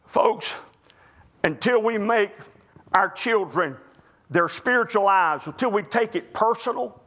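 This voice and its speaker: A man preaching a sermon as pastor, emphatic, swinging between loud urgent pleading and low quiet asides. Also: animated, a little slow.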